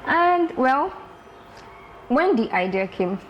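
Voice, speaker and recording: A woman from Lagos, Nigeria, a fashion designer talking as a guest in a casual interview, lively and repeating herself for emphasis. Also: sits high, slow pace, lo-fi sound, a little hiss or hum.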